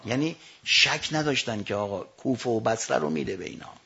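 Gravelly man preaching a sermon. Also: mid-range voice, highs cut off. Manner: swings from hushed storytelling to loud declaiming; slow drawn-out recitation of quotations. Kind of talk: sermon storytelling.

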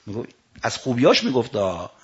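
A man preaching a storytelling sermon, swinging from hushed narration to loud declaiming, with slow drawn-out recitations. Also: mid-range voice, huge pitch swings, breathy edge, highs cut off.

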